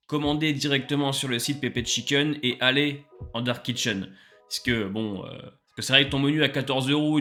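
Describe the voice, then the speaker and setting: A man's voice: medium pitch, pushed and bright. A young man hosting a casual food review vlog, enthusiastic and full of hesitant fillers. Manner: enthusiastic, many filler "euh"s. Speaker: food vlogger.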